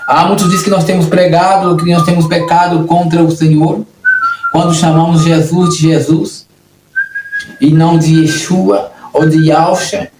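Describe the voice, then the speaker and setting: A man's voice: on the high side, little pitch movement, moderate pace. Brazilian man preaching in an echoey room. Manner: earnest, repetitive preaching with many restarts. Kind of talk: sermon. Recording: echoey room, distant mic, noisy.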